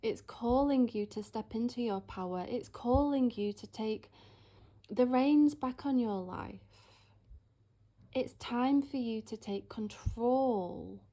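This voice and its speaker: A woman giving a spiritual tarot reading, earnest and reassuring, often halting and searching for words with sighs between phrases. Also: a little high, dark tone. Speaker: tarot reader.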